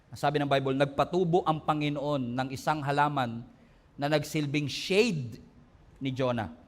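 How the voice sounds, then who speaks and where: High-voiced pastor preaching. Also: male voice, moderate pace. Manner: animated preaching, acts out quoted voices, laughs along. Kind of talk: sermon.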